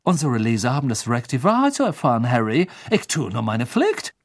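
A man's voice: medium pitch, wildly swooping pitch, a little fast, no room sound, clean studio sound. A man voicing a gushing, spiteful woman reporter in an audiobook, smug and falsely sweet. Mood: sugary.

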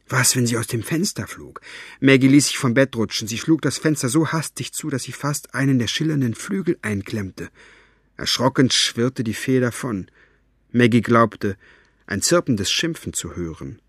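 A man reading a story aloud as narrator, with a lively, varied delivery. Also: medium pitch, husky, dry recording, clean studio sound. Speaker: audiobook narrator. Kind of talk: expressive audiobook reading.

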